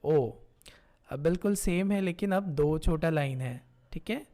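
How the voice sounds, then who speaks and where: A woman's voice: on the low side, moderate pace, dark tone. A woman teaching a tutorial lesson, patiently checking in with learners and mixing Hindi and English. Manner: patient, often checks in with "ठीक है?". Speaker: language teacher.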